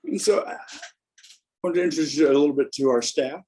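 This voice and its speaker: A man presenting informally in a halting way, searching for his words. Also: a little high, mellow, slightly rough.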